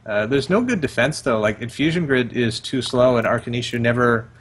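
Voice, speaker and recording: A man casting a strategy game, calling each move in quick play-by-play commentary. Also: mid-range voice, husky. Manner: rapid-fire calls of each move. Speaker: esports caster.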